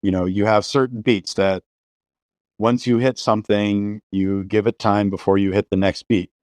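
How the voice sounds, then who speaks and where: A middle-aged man with a somewhat low voice holds forth on movies in casual podcast talk. He circles back on his words and restarts sentences as he presses his points. The sound is dry and close. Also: darkish tone, dry recording. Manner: opinionated, many restarts and repeated words. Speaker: podcast host. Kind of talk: casual film discussion.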